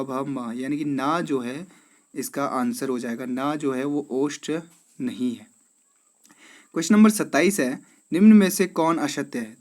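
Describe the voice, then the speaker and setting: A man with an Uttarakhand Hindi accent, teaching as he walks through exam quiz questions one by one. He calls the viewers friends and keeps checking in with them. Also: a little high. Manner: addresses viewers as friends, repeats "theek hai".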